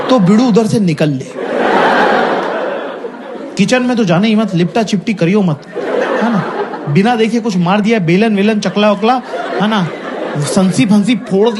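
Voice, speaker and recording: Animated male stand-up comic, lively crowd. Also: high-pitched. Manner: animated storytelling, acts out quoted voices. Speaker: stand-up comedian. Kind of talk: stand-up comedy routine. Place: comedy venue with a laughing audience, played back in a reaction video. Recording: loud crowd laughter and noise.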